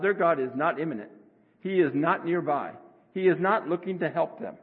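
A man preaching a sermon as pastor, earnest and conversational, with sudden rises in pitch. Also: breathy edge. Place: church sanctuary. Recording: tinny phone-like sound, long hall reverb.

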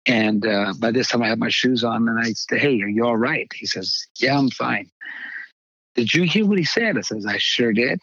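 An older man, a pastor, telling a personal testimony in halting conversational speech, acting out the voices he quotes. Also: medium pitch, fairly even intonation, a bit bright, breathy edge, no echo, highs cut off. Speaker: pastor, guest.

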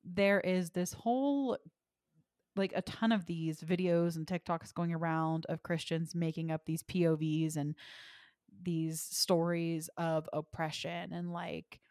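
A woman's voice: on the low side, steady tone, measured pace, a little mellow, no echo, studio quality. A woman co-hosting a podcast in casual chat, blunt and exasperated, with many "like" fillers. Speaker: podcast co-host.

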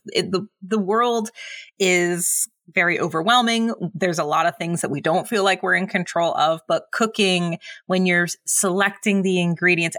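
A woman with a fairly low voice talks things through in a thoughtful, reflective way. The recording is dry and close, with no room sound. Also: fairly bright tone, dry recording. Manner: thoughtful, reflective, a few restarts. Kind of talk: casual conversation.

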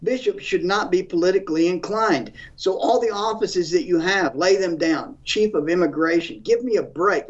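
A man giving forceful, preacherly commentary on a talk show, repeating phrases for emphasis. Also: high voice. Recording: distant, dull lo-fi audio.

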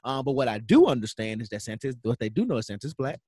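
Male podcast co-host, 30s, mid-range voice, animated storyteller, close dry sound. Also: medium pitch, fast talker, breathy edge, dry recording.

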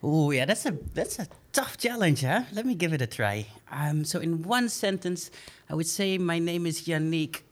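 A man's voice: on the high side, animated, normal speed. A young man from the Netherlands, a podcast guest speaking reflectively with many fillers and restarts. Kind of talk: podcast interview.

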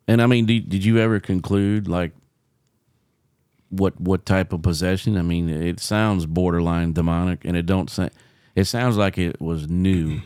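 Deep smooth-voiced man, folksy podcast chat. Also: steady tone, normal speed, darkish tone, no room sound, clean studio sound. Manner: conversational, repeats words, folksy. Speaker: podcast co-host, paranormal investigator. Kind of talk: casual chat.

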